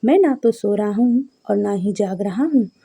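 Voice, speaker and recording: A woman's voice: mid-range voice, animated, moderate pace, creaky, mellow, slightly rough. A woman reading a devotional story, voicing a respectful young merchant man.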